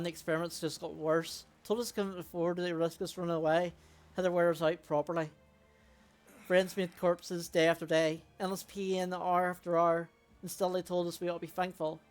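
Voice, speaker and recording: A woman voicing a bitter, vengeful killer in a game, telling grim things slowly, with faint music behind. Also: on the low side, natural voice.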